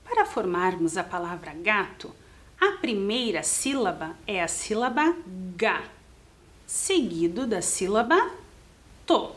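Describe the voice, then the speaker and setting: A woman teaching a primary school lesson to children, patiently spelling and counting aloud step by step. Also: mid-range voice. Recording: roomy echoing room.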